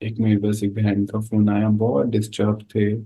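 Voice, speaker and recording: A man's voice: on the low side, monotone, moderate pace, warm tone, poor audio. A man giving a conversational spiritual talk to an audience, telling everyday anecdotes and asking rhetorical questions. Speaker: spiritual speaker.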